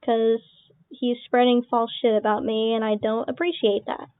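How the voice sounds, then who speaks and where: A woman's voice: on the high side, fairly even intonation, normal speed, no room sound. Dismissive young woman on a tinny line. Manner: dismissive, sarcastic, swearing, laughing between remarks. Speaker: online creator responding to accusations. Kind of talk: casual reaction commentary. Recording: tinny phone-like lo-fi sound, dry.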